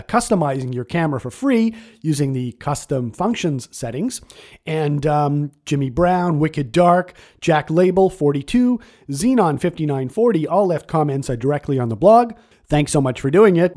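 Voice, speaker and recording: A man's voice: fairly high pitch, darkish tone. A man hosting a podcast, talking casually and emphatically with a nasal, slightly scratchy voice from a cold. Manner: chatty and emphatic. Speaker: podcast host.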